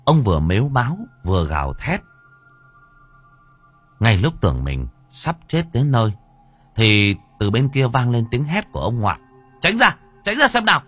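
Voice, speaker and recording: A man reading a story aloud with dramatic, lively narration. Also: lowish voice, moderate pace, pauses often, no echo. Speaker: audiobook narrator. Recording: faint background music.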